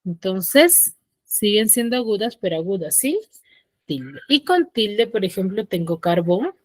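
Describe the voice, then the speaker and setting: Woman teacher, online class over a video call, mid-pitched, quizzing students with quick check-in questions, dry sound. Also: very animated, no room sound. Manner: quizzes the students, often checks understanding with short tag questions. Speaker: secondary school teacher.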